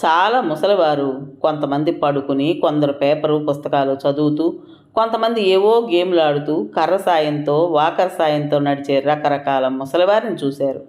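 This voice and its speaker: A narrator reading a scripted audio story in a steady, expressive storytelling manner. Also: medium pitch, normal speed. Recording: roomy echoing room.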